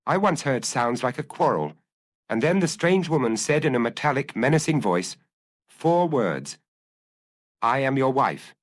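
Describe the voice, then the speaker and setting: A man's voice: medium pitch, sing-song, a little slow, voice pushed up. A man voicing an earnest, grave theatre man who talks anxiously.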